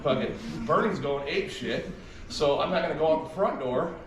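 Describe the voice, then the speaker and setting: A man's voice: fairly high pitch, moderate pace, crowd noise. A man casually tells a rambling, profane story about a police visit and acts out what people said. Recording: roomy, distant, noisy video clip.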